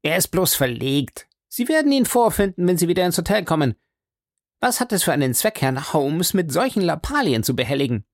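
A fussy, soothing country doctor with a raised, fluttering voice, as a male audiobook reader puts him on. Underneath, the voice keeps a gravelly grain. It is recorded dry and close. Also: on the high side, big pitch swings, brisk, no room sound, voice pushed up. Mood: placating.

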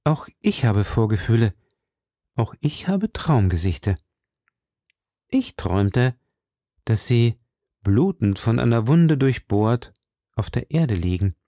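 A man's voice: medium pitch, sing-song, slow, pauses often, mellow, no echo, clean studio sound. A man reading an audiobook, voicing an anxious, imploring queen in raised exclamations. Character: anxious pleading woman, a queen.

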